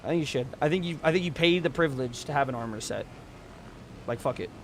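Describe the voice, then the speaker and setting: A man's voice: a little high, fast, slight background noise. A young man live-streaming a game, ranting casually and emphatically, swearing freely.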